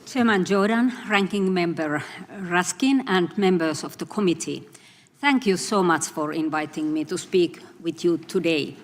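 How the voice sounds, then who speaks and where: A woman in her sixties from Finland with a Finnish accent, giving earnest, measured prepared testimony as a witness at a hearing. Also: on the low side. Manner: earnest, measured, reading with occasional restarts. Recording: reverberant hearing room.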